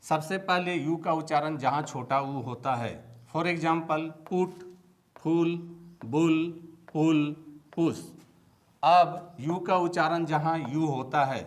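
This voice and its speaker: Guy teaching english sounds in hindi, kinda high voice, reads word lists real slow. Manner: says each example word slowly and separately, addressing viewers as friends.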